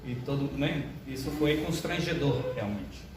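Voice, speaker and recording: An older man, a pastor, opening his sermon with jokes in a chatty, animated way. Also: medium pitch, measured pace. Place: church sanctuary. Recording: echoey church hall, distant mic, room noise.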